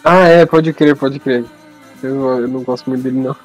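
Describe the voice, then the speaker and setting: A man's voice: medium pitch, steady tone, normal speed, faint music behind. A man with a Brazilian Portuguese accent talking casually and slangily among friends. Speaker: podcast participant.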